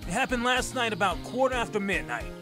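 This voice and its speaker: A man voicing a gruff, hot-headed but loyal police detective with a blustering, slangy delivery in an audio drama of a video game story. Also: high-pitched, sing-song, quick pace, over music. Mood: brash, eager. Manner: blustering, slangy, ends remarks with "pal".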